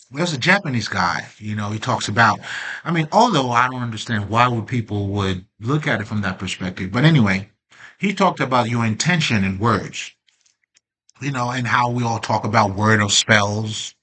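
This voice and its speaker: Here the man's voice is lowish, sharp and slightly rough. Hosting a self-help channel, he gives a rambling, slang-heavy spiritual monologue with plenty of fillers, frequent laughter and open emotion.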